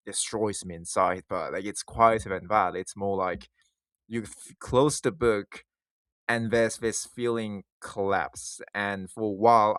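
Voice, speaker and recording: A man with a low voice talks through his thoughts in an informal video monologue. The sound is dry and close, and his phrasing is halting, often restarting as he thinks aloud. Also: a bit bright, no echo. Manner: hesitant, halting phrasing with repeated false starts. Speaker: video essay creator. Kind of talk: informal reflective monologue to listeners.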